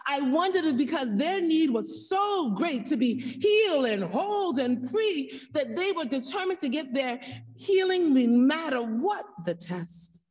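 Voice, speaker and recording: A woman's voice: high voice, big pitch swings, measured pace, a little mellow, long reverb tail, far from the mic. A woman pastor preaching a sermon with fervent, repeated appeals to her congregation. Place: church sanctuary.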